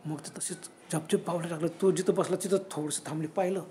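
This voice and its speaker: A man's voice: a little high, fairly even intonation, fast talker, mellow. A man narrating a horror story dramatically, dropping into whispers at the scary moments.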